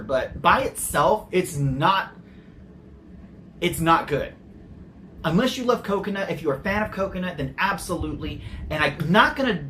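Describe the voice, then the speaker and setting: Here a man with a high, fairly bright voice casually reviews sodas for his channel amid slight background noise. Without any regional accent, he chats, rambles off on tangents, and lets the odd swear word slip.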